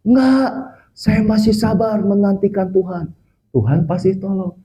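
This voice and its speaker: A man's voice: high-pitched, steady tone, a little slow, mellow. A man voicing a stubborn old grandmother stranded on a flooded roof, pleading and insisting she will wait for help.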